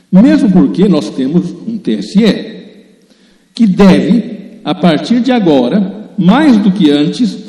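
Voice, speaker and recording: A man's voice: sits high, mellow. An Italian-born man, a native Italian speaker, giving earnest, emphatic spoken commentary that addresses his listeners directly. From Italy. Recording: roomy echo with long reverb.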